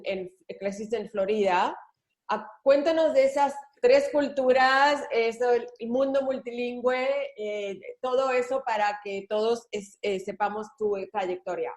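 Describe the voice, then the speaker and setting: A woman hosting a podcast, friendly and hesitant, with many fillers as she introduces her guest. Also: fairly high pitch. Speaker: podcast host. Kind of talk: casual interview conversation. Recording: roomy echo.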